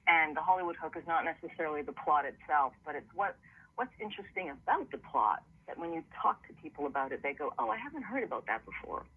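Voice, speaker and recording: A man's voice: fairly high pitch, quick pace, husky. A man, an author, giving conversational, explanatory interview answers over a narrow phone line. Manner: explanatory, storytelling. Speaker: author and TV producer being interviewed.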